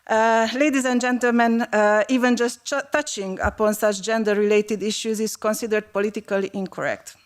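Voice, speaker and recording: A woman's voice: a little high, fairly even intonation. Woman giving a formal speech. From Romania. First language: Hungarian. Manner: reads from a prepared text, measured and formal. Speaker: panel speaker. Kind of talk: prepared policy speech at a panel.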